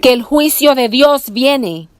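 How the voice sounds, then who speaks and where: A woman's voice: high voice, animated, takes it slowly, crowd noise. A woman preaching a sermon in an emphatic way, repeating herself and asking rhetorical questions.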